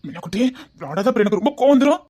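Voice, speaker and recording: A woman with a Tirunelveli Tamil accent playing a hesitant, stammering character in a web drama, pleading gently. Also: mid-range voice, lively intonation, racing, lightly acted.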